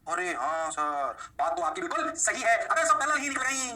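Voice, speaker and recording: Male physics teacher, high and very bright voice, quick classroom delivery, mic at a distance. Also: big pitch swings. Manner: mixes Hindi and English, answers his own questions in a lowered voice. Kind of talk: lively classroom lecture.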